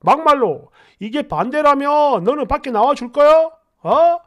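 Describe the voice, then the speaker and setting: Hot-tempered young boyfriend shouting back, put on by a woman narrator, high lively voice. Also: a little slow. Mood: angry yelling. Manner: shouting, scornful, snapping. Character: irritated young adult man, short-tempered boyfriend.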